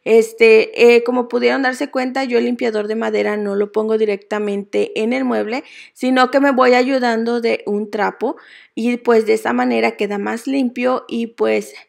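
A young adult woman narrating a cleaning how-to as a vlogger, explaining each step calmly with frequent filler words. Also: a little high, normal speed, gravelly.

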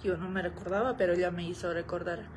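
A woman's voice: on the low side, level tone, quick pace, background noise. A young woman vlogger casually telling a story to her viewers, chatty, repeating phrases and often calling out to them.

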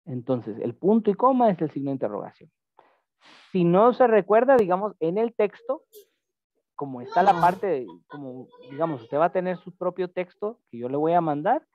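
A man's voice: high voice, sing-song, moderate pace, no echo. A man teaching a Greek lesson in an online class, patient and explanatory, often checking that his student follows. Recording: tinny phone-like call audio.

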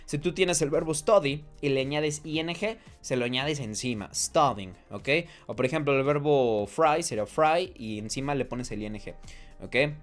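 A man giving a casual online English lesson, talking straight to the viewer, often checking "¿ok?" and correcting himself as he goes. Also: mid-range voice. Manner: thinks aloud with fillers and self-corrections. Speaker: English teacher.

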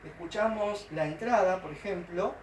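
A man's voice: high voice, moderate pace, far from the mic. A man with an Argentine accent teaching folk dance, explaining each step and checking that students follow. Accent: Argentine Spanish. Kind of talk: online dance lesson. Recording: roomy, from off the mic. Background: folk guitar music.

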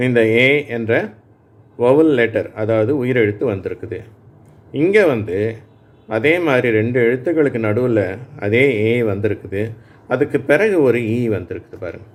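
A man teaching English phonics to adult learners, reading words slowly and patiently and pausing so listeners can repeat them. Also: fairly low pitch. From Tamil Nadu, India. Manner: slow, patient, reads words aloud for repeating. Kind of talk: spoken lesson for adult learners.

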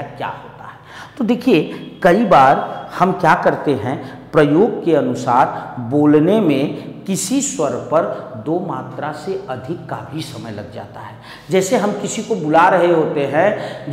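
A man teaching an online exam coaching class. He explains step by step, repeats memory rhymes and asks his students questions. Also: sits high. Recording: echoey classroom reverb.

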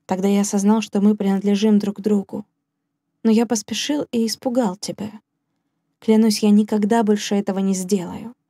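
A woman's voice: medium pitch, level tone, moderate pace, dark tone, no echo, natural voice. A woman reading a tender young nobleman. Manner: tender, pleading. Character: passionate young male nobleman, tender lover.

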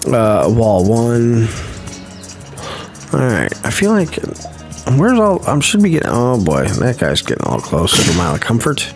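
A man's voice: mid-range voice, huge pitch swings, unhurried, gravelly, over music. A man hosting a gaming channel, giving chatty, playful let's-play commentary in a slangy, easygoing way and humming to himself as he plays.

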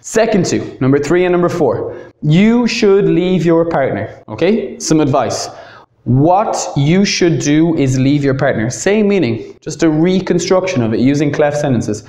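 A man's voice: a little high, animated, measured pace, mellow, echoey room. A man with an Irish accent teaching an English grammar lesson, explaining step by step and stressing key words.

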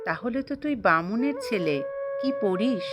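A woman speaking the lines of a kindly, jovial elderly male guru in a gentle, affectionate way. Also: fairly high pitch, lively intonation, measured pace, very noisy, voice pushed up. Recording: soft flute music behind.

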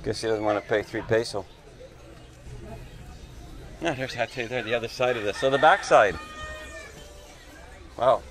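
Faint music plays behind this middle-aged Canadian man as he talks in a mid-range voice, unhurried and with long pauses. Walking through a lively village for his travel vlog, he chats with locals in short, simple phrases. An action camera, handheld or body-worn, picks up the outdoor crowd and street noise.

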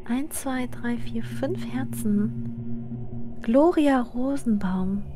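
A woman's voice: a little high, drawn-out words. A young woman streamer chatting casually through a game in a cute anime-streamer manner, with game music behind.

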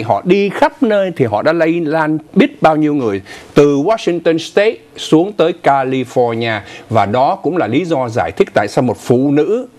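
Animated older male news co-host. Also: medium pitch. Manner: chatty, animated explaining with asides and laughs. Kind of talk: casual morning news commentary. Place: TV studio. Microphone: lapel mic.

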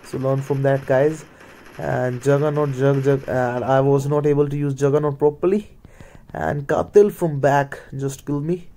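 A gaming video creator with an Indian accent, a native speaker of Hindi and Punjabi, mutters casual play-by-play as he plays, slipping into Hindi now and then. His mid-range voice is mellow and steady, at a normal speed, with slight background noise.

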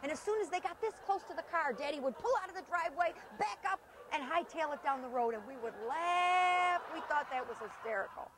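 A woman's voice: sits high, expressive, quick pace, few pauses, noisy background. A middle-aged woman giving a humorous motivational talk, telling family stories and acting out the voices in them. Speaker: motivational speaker.

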